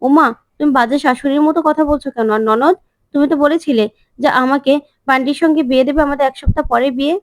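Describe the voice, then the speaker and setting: A woman's voice: high-pitched, fast talker, dry recording, studio quality, lightly acted. A woman voicing a naive young girlfriend who complains with indignation, in a TV serial retelling. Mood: indignant.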